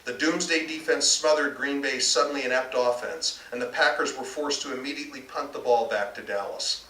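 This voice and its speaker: An American man reads from his own novel at a bookstore event, his medium-pitched voice brisk, bright and forceful. The live indoor recording is distant and roomy, with faint noise.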